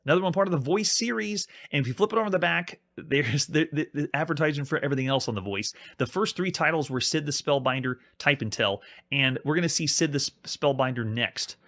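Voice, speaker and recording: A young man with a slightly raised pitch, talking through retro games on a live stream. His commentary is loose and chatty, full of enthusiasm and quick reactions to the chat. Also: expressive, fairly bright tone. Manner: enthusiastic, chatty, frequent laughs. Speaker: gaming stream host.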